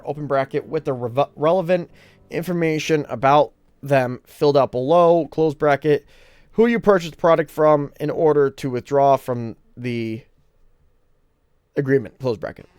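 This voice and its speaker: A man's voice: mid-range voice, a little mellow, smooth. A man reading a long legal agreement aloud word for word, stumbling now and then and correcting himself. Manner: plain read-aloud with stumbles, self-corrections and apologies; reads out punctuation such as "open bracket" and "slash". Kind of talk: verbatim reading of a legal text.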